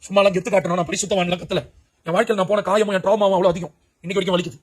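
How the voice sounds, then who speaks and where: A man delivers a heartfelt testimony sermon with a high-set voice. He pleads and cries out to the young people listening, full of urgency and emotion. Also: fairly even intonation, rapid-fire, slightly rough. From Puducherry, India. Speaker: preacher giving his testimony.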